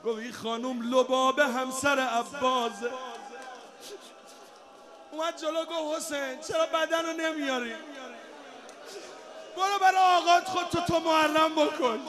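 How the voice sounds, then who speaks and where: A man reciting a religious mourning eulogy, shouting and chanting drawn-out lines at a mourning gathering. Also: extremely high pitch, fairly even intonation. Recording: live crowd and music behind.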